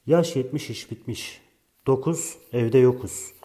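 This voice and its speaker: A man voicing a bossy older boy who loudly calls out bingo numbers in a storybook reading. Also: mid-range voice, animated, a little slow, lightly acted. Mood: calling out. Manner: loud, calling out.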